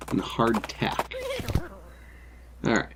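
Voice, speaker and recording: A man with a husky voice casually commenting on a game and reading its text aloud. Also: drawn-out words, background noise. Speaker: game co-player.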